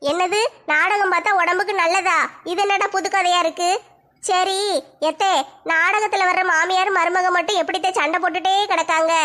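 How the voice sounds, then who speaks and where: A woman's voice: very high voice, fairly even intonation, moderate pace, bright, forceful tone. A woman playing a curious, gossipy young daughter-in-law.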